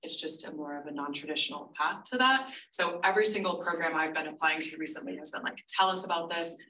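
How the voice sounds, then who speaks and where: Speaking quickly in a low, bright voice with a forceful edge, this twenties-aged woman describes her senior thesis research in a relaxed, friendly info session. The recording has echo, distance from the microphone, and a little background noise.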